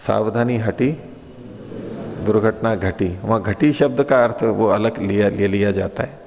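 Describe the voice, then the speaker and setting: A man teaches philosophy in a patient, explanatory lecture with stories, repeating and rephrasing his points and putting questions to the listeners. His lowish voice keeps a measured pace over slight background noise, in a dull lo-fi recording made in a reverberant hall.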